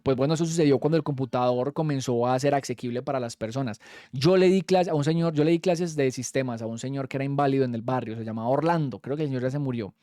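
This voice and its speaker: A man's voice: medium pitch, quick pace, warm tone, dry recording, studio quality. A young Colombian man with a Colombian Spanish accent, telling a story in a casual, slangy way and swearing freely as a streamer.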